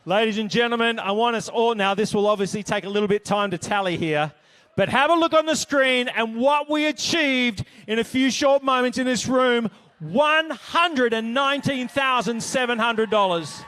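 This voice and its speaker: A man with an Australian accent working as an auctioneer at a gala, calling bids in a booming, rhythmic, playful way into a handheld mic in a hotel ballroom. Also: normal speed, fairly bright tone, smooth. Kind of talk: live charity auction calling.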